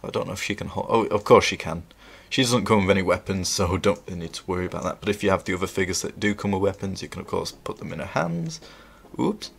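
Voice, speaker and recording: Sitting at a table indoors with his hands in frame, a congested man fighting a cold reviews toys casually and with real enthusiasm. He talks quickly and expressively with few pauses, his low voice creaky, a bit bright and edged with breathiness.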